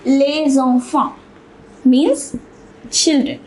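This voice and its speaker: A woman with a high, bright-pitched voice gives an unhurried language lesson. She speaks slowly and deliberately, repeating each word several times like a patient classroom teacher. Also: fairly even intonation, a little hiss or hum, low-quality recording. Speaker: French teacher.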